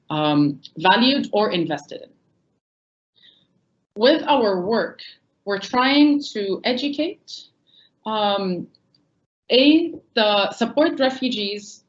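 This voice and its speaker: Her mid-range voice comes through on dull audio as she offers panel discussion remarks on behalf of a refugee employment nonprofit. She is not a native English speaker and talks earnestly, with frequent ums and self-corrections.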